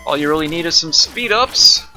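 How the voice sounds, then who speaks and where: A man's voice: on the high side, animated, normal speed, pushed and bright, faint music behind. A man streaming a retro arcade game, giving casual, rambling commentary with wry, self-deprecating asides. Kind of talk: casual live gameplay commentary.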